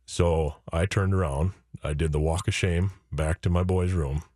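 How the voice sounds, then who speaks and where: A man with a low voice tells a story from his family life in an earnest way. He acts out his own words and his kids' words, often restarting his sentences. The sound is dry and close, as if on a studio microphone. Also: fairly even intonation, normal speed, a little mellow, dry recording. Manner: earnest, quotes himself and his kids, many restarts. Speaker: author and guest. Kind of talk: personal storytelling in a conversation. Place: radio studio.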